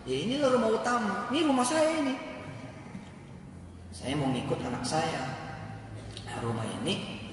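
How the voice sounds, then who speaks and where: A kindly, generous rich old man speaks calmly and reassuringly, as a preacher puts him on. His voice comes from a distance in a long, reverberant hall with noise beneath it. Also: high voice, normal speed, pauses often. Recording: echoey hall heard from far off.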